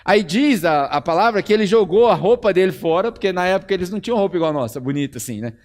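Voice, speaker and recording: Brazilian pastor guy preaching casual, high-pitched, telling the story all lively. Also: fast. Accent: Brazilian Portuguese. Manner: conversational, animated storytelling. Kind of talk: sermon. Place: church.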